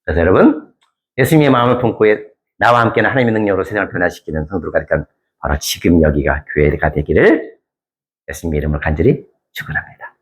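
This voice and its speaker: A male pastor preaching a sermon to his congregation, swinging from hushed lines to emphatic, near-shouted ones and putting questions to the listeners. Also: low voice, animated, fast talker.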